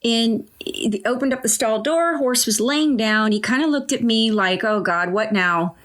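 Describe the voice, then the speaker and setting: A woman's voice: a little high, moderate pace. A woman hosting an interview who tells rambling stories from her work as an equine body worker. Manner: anecdotal, rambling, acts out quoted voices. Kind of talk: casual conversational interview.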